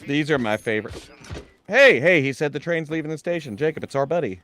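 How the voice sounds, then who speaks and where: A man's voice: on the high side, fast, fairly bright tone, a little hiss or hum. A man playing a video game on stream, chatting casually with friends in a playful, jokey way. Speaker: let's play gamer. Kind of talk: casual gameplay chat.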